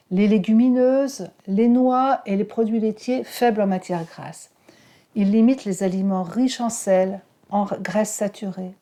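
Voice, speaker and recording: A woman giving a calm, measured health explainer to her viewers, with occasional fillers and small restarts. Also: medium pitch. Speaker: wellness channel host.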